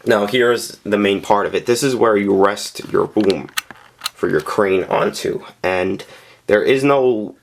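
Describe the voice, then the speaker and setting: A man with a deep, low-pitched voice walks through a scale model in a casual review. He speaks plainly and candidly, stopping often to fill gaps with small hesitations as he points things out. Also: slight background noise. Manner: hesitant and unscripted, frequent "um" and "uh" pauses. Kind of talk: casual product review narration.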